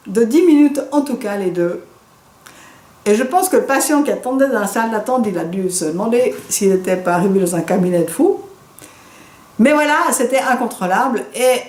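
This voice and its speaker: A woman with a French accent leads a training session and recounts a case from her practice. She tells it animatedly and quotes her own words and the patient's. Her voice carries a noticeable room echo. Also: mid-range voice. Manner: lively, animated storytelling with quoted dialogue. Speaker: doctor and trainer. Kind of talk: storytelling lecture. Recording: echoey room.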